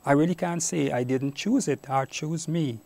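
A middle-aged Guyanese man, later based in Trinidad and Tobago, speaks with a Caribbean accent as an interview guest, giving reflective answers. His voice sits on the high side, warm with vocal fry, at a moderate pace. He's recorded on a lapel mic in a small indoor TV studio.

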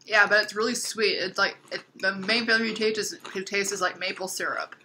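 A young woman talks casually and agreeably at home, often murmuring along. The home recording carries a steady, clearly audible hiss. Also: mid-range voice, fairly quick. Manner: easygoing, agreeable, fills with "mm-hmm". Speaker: vlog co-host. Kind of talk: casual chat. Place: home kitchen.

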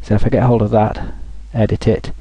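A man talking through a software tutorial over a screen recording, thinking aloud with frequent restarts. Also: fairly low pitch, little pitch movement, brisk, breathy edge, no room sound, poor audio.

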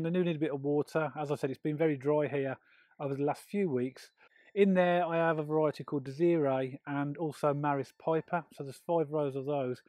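A middle-aged man with a fairly high speaking voice talks through a garden tour, friendly and explanatory. The sound is dry and close, with no room echo around it. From England. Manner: friendly, explanatory, steady walkthrough. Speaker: allotment gardening channel host. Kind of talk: walking garden tour with tips. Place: outdoor allotment and polytunnel.

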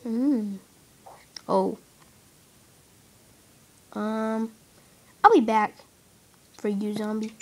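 A woman giving excitable, giggly casual commentary while playing a game, shrieking when startled. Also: a little high, extremely slow, long pauses. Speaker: gameplay commentator. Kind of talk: casual let's-play chatter.

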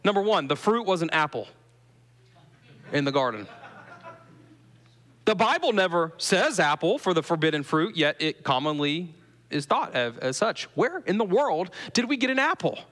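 Man, pastor, southern US accent, conversational sermon, slightly high voice, long church reverb. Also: big pitch swings, normal speed, long pauses, a bit bright. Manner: conversational, asks the congregation questions. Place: church sanctuary.

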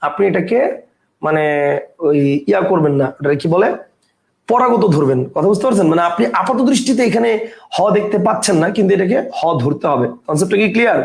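A man teaching a grammar lesson, explaining step by step and often asking whether the point is clear. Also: high voice, animated, fast talker, echoey room.

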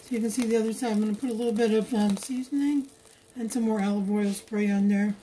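A woman's voice: mid-range voice, steady tone, fast, mellow, a little hiss or hum. A woman talking viewers through her home cooking in a homey, chatty way, recorded on a phone in her kitchen. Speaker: home cook vlogger. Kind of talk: casual cook-along narration. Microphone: phone camera held while cooking.

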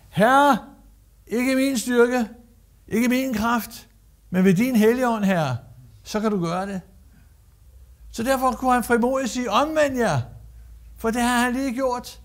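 High-voiced Danish-speaking preacher. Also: male voice. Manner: emphatic, repeats phrases, acts out Bible quotes. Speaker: guest preacher. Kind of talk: sermon.

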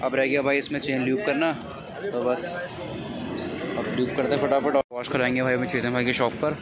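Heavy background noise surrounds a young man's brisk, level, mid-range voice. Vlogging casually on his phone at a bike service shop, the chatty motovlogger keeps referring to his audience as brother while talking to camera.

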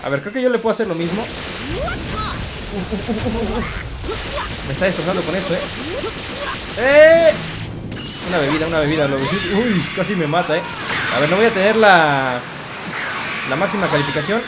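A man giving excitable let's play commentary, taunting the enemy and cheering his character on. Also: high voice, brisk, pauses often. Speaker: gaming commentator. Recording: loud game music and effects behind.

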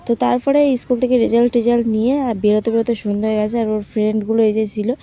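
A woman's voice: on the high side, level tone, fast talker, mellow. A young woman vlogging casually from home and a metro train, chatting to viewers and her son. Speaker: vlogger and mother. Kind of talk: casual vlog narration.

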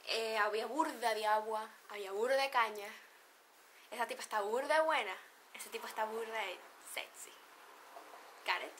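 Bright, playful Venezuelan woman vlogging. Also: a little high, normal speed, slight background noise. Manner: playful, laughs often, acts out slang examples. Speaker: beauty vlogger. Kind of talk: casual chat to camera.

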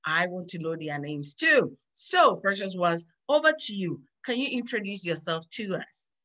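A woman's voice: on the low side, sing-song, moderate pace, sharp tone. A middle-aged woman hosting a children's Sunday school lesson over a video call, upbeat and repeating phrases for the kids.

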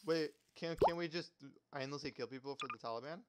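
A man's voice: on the high side, fast. A man in a casual gaming chat, playful and teasing, who laughs often. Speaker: gamer. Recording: noisy mic with clicking.

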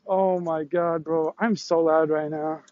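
A young man live-streaming outdoors on a college campus from a selfie stick, excitable and slangy, laughing often and swearing, out of breath and sweaty after push-ups. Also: on the high side, unhurried, no room sound, lo-fi sound. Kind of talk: casual live-stream chat. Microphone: selfie stick tripod.

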